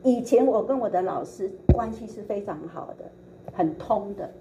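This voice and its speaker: A woman, a preacher telling her testimony in an animated way and acting out the dialogue. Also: medium pitch, normal speed. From Taiwan. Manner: animated, acts out quoted dialogue, laughs often. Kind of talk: storytelling testimony sermon. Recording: recording with steady background noise.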